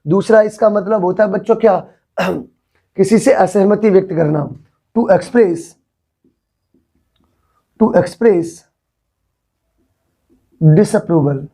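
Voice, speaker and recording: Mellow-voiced male vocabulary teacher. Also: sits high, drawn-out words, creaky, long pauses, breathy edge. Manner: explains patiently, repeats words, often asks the class if they follow. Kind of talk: classroom vocabulary lesson.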